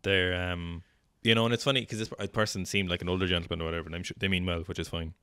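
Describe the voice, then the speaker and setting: A young Irish man in his twenties with a low, deep voice, heard in a dry, close recording. He talks reflectively on a podcast, hesitating often and filling gaps with ums. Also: steady tone, rapid-fire, pushed and bright, clear, resonant tone, no room sound. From Ireland. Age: 20s. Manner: hesitant, reflective, many fillers. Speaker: podcast co-host. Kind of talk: casual podcast chat.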